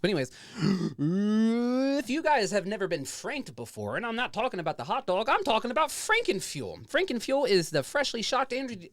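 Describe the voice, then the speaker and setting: Animated, rambling male podcast host. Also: high-pitched, no room sound, studio quality. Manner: rambling, playful, profane. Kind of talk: casual chat.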